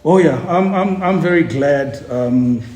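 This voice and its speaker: A man's voice: fairly high pitch, a little slow, a little mellow. A man in his forties from Zimbabwe, a tour guide and author, talking casually in an interview, chatty and jokey, often repeating words while he searches for the next ones. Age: 40s. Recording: roomy echo.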